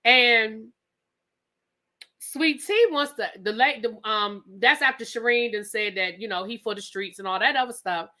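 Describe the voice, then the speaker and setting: On a live TV recap, a woman reviewer tells the story in a casual, profane, animated way, performing the quotes herself. She speaks unhurriedly in a voice on the high side.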